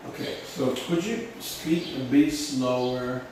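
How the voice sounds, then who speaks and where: Slow bilingual teacher in an echoey room. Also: male voice, mid-range voice, a little mellow. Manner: slow, repeats phrases many times. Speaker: English teacher. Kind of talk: bilingual whiteboard lesson. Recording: roomy, distant mic, faint background hum.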